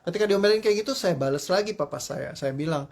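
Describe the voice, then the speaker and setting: A man's voice: on the high side, lively intonation, quick pace, creaky. A man coaching in a live-streamed talk, telling personal stories in a chatty, self-deprecating way and laughing often. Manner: conversational, sprinkles agreement tags. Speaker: motivational coach.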